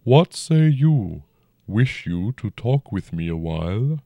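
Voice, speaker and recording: A man voicing a huge, very old and noble dragon who speaks slowly and formally with a rumbling tone. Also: sing-song, vocal fry, no room sound, muffled recording, full character voice. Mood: stately, probing. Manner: slow, stately and formal, old-fashioned speech. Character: ancient noble dragon, huge, calm and probing.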